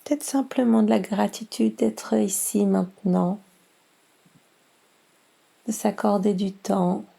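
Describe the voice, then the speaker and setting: A yoga nidra instructor guides a relaxation meditation in a slow, breathy, mid-range voice. Her instructions are calm and soothing, separated by long pauses.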